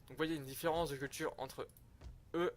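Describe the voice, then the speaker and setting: A man's voice: a little high, steady tone, normal speed. Rambling young man narrating gameplay. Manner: rambling, slangy, self-mocking. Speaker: gaming youtuber. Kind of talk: casual gameplay commentary.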